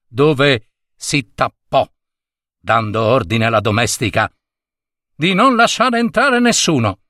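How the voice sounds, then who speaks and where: A man reading a children's story aloud, with expressive, animated storytelling. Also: fairly high pitch, no room sound, clean studio sound.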